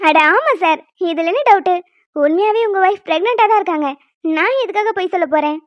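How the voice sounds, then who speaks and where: A composed female doctor from a cartoon, measured and reassuring in a high, clear voice. The sound is dry and somewhat dull. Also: animated, no echo.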